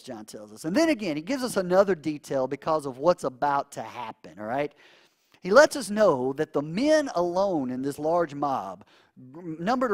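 A man pastor preaching a casual sermon, retelling a story and acting out the quotes in slangy everyday voices. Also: fairly high pitch. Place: church.

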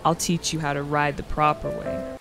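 Man playing creaky-voiced, flirty Jack Dawson. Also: a little high, level tone, moderate pace, music in the background, lightly acted, low-quality recording. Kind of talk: comedy skit acting.

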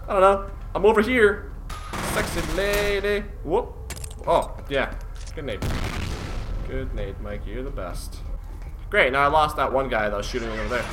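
A man's voice: sits high, background noise. A man giving casual commentary on a horror game, jumpy and swearing, mocking his own fear. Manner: jumpy, swearing, self-mocking, yelps when startled. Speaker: gaming commentator.

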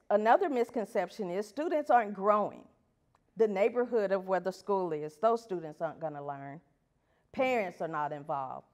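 A woman's voice: mid-range voice, a little mellow. A woman teacher giving a prepared talk at an education event, earnest and putting rhetorical questions to the audience. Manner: reads from prepared pages. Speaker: elementary school teacher.

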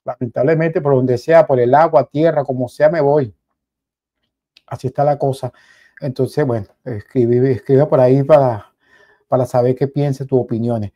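A man in his forties with a Venezuelan accent, giving casual news commentary from a small home studio on a headset mic, animated and repeating himself often. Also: mid-range voice, moderate pace, dull audio. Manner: animated, repetitive, addresses viewers as "señores".

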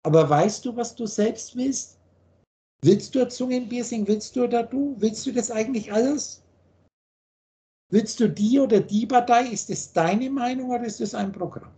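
A man's voice: very high voice, moderate pace, mellow. Blunt preachy man on a video call. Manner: blunt, preachy, full of rhetorical questions. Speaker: spiritual teacher.

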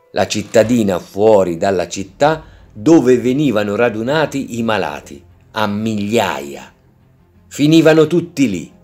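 A man reading an adapted classic novel aloud for language learners, voicing the quoted lines with feeling. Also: lowish voice. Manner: lively storyteller, colors quoted lines. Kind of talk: slow, expressive story reading.

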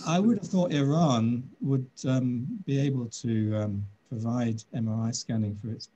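A man in his sixties with a British accent, a doctor answering webinar questions on a video call from his office, speaking in a measured, thoughtful way with many pauses. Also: medium pitch, dark tone, highs cut off, a little hiss or hum.

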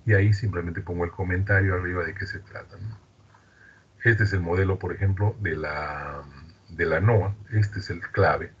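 Very husky low-voiced Peruvian man lecturing. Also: normal speed, dull audio. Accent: Peruvian Spanish. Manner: chatty, explanatory, tags questions to students. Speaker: university lecturer. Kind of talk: online class lecture.

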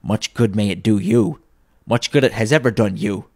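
A stern old skinflint from a classic storybook, acted out by a male reader. He speaks low and gruff, in curt, indignant growls, grumpy and scornful throughout. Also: little pitch movement, a little fast, mellow, lightly acted. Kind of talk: dramatised audiobook reading.

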